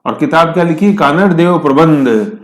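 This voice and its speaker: A man's voice: on the high side, expressive, normal speed, roomy sound. A male teacher giving a chatty exam-prep history lesson, often asking rhetorical questions. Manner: chatty, asks students rhetorical questions, jokes with class.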